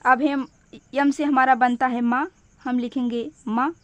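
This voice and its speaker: A woman teaching spelling step by step, patient and repeating each point slowly. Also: high-pitched, steady tone, fairly bright tone, no echo.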